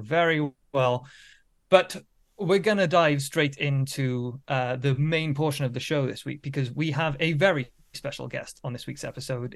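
Male sports podcast host, fairly high voice, conversational interviewer.

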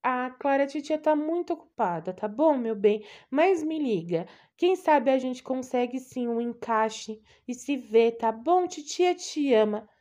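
A high, gushing older aunt, doting and bossy, who scolds and fusses over her niece on the phone, as a woman puts her on. Her voice rides well above a plain speaking pitch, showering endearments between reproaches. It sounds like a storybook reading. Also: lively intonation, measured pace, few pauses, warm tone. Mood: fussy.

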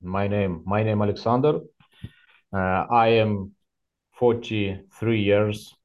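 A man in his thirties with a Ukrainian accent, introducing himself haltingly and correcting himself. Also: fairly low pitch, dull audio. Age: 30s. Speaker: student.

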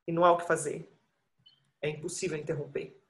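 Exhausted young mother, weary and halting. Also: sits low, little pitch movement. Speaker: new mother. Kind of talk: theatrical monologue.

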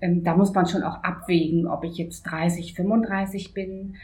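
Woman, 50s, lower register, grounded and candid interview guest. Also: little pitch movement, normal speed, darkish tone, a little hiss or hum. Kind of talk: reflective interview answers.

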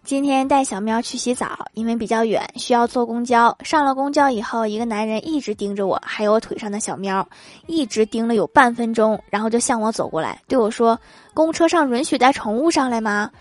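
A woman's voice: a little high, a little fast, no echo. A woman hosting a comedy segment, reading funny everyday anecdotes and laughing at her own punchlines. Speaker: host.

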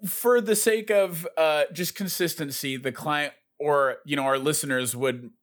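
A man's voice: on the high side, a little slow. A man co-hosting a casual podcast, clarifying points in a hesitant, circling way. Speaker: podcast co-host.

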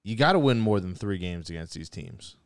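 A young man hosting a casual sports podcast, talking fast with joking, profane banter. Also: low-pitched, lively intonation, no room sound, studio quality. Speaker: podcast host.

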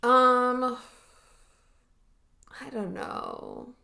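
A woman's voice: a little high, huge pitch swings, extremely slow, gravelly, bright, forceful tone. A woman co-hosting a podcast, chatting casually with a hesitant delivery full of fillers and restarts. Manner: hesitant, many fillers and restarts, laughs often. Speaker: podcast co-host. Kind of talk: casual chat. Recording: roomy echo.

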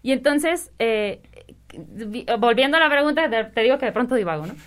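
Woman, parenting speaker, rambling casual talk, slightly high voice. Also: animated, normal speed. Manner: rambling, many tag questions. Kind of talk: casual conversation.

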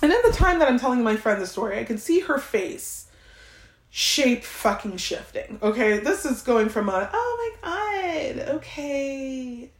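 A woman hosting a podcast, telling a personal story in a casual, animated way, swearing freely and acting out what she and others said. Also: on the high side, moderate pace. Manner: profane, animated, quoting herself and others. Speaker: podcast host. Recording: roomy echo.

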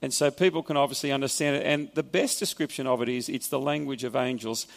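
A fast-talking Australian pastor explains scripture in a conversational sermon with wry asides, speaking in a church hall. His voice sits at medium pitch with fairly even intonation and a creaky quality, trailed by long reverb.

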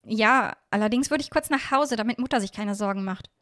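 A woman's voice: fairly high pitch, brisk, a bit bright, dry recording, clean studio sound, lightly acted. Woman voicing a shy young fox spirit girl. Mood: calm. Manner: hesitant, guarded.

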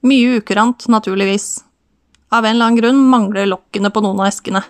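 A woman reading an audiobook voices a brisk, joking male country auctioneer with a Southern Norwegian accent and chatty, wry patter. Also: high-pitched, steady tone, clean tone, no room sound, close to an everyday voice.

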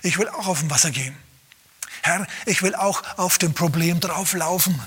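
A man's voice: high-pitched, moderate pace, fairly bright tone, husky, long reverb tail. A man voicing an eager male disciple who pleads fervently in a sermon retelling. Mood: fervent pleading.

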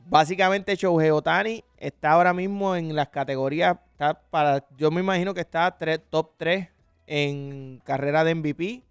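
Smooth-voiced podcast host. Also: male voice, fairly high pitch, fairly even intonation, moderate pace, dry recording, clean studio sound, faint music behind. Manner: laid-back, chuckling, lightly teasing. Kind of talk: casual sports podcast chat.

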